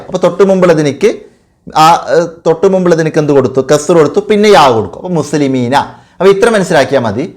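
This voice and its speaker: A man teaching an exam revision lesson patiently, repeating key terms and asking and answering his own questions. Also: a little high. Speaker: madrasa teacher.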